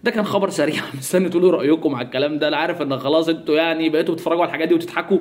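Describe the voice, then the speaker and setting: An Egyptian YouTuber with an Egyptian Arabic accent delivers sarcastic, mocking commentary in a comedic vlog. His voice is fairly high and rapid-fire.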